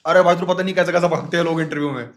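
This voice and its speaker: Brief: quick, joking male streamer, banter pace, English lines thrown in. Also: a little high, steady tone. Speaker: streamer host. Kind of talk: casual chat on a live stream.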